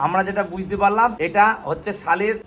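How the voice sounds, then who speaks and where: A young man with a high, bright voice films a casual family vlog around his village home. He chats and teases, turning often to his viewers, with faint outdoor noise behind him. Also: steady tone, fast. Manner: chatty, teasing, talks to viewers as guys. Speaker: vlogger.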